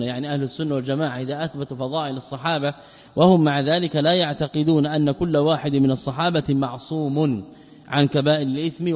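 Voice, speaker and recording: A man with a fairly high voice gives a religious lesson on a classical text. He reads a quoted passage, then explains it phrase by phrase, going back over the key words. His voice carries a long reverb, as if recorded in a large hall. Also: darkish tone. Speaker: Islamic scholar teaching a text.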